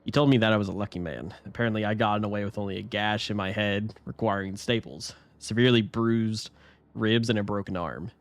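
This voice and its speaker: A man's voice: fairly low pitch, fairly even intonation, a little fast. A man streaming himself reading a horror story aloud in a casual way, often stumbling and restarting his sentences.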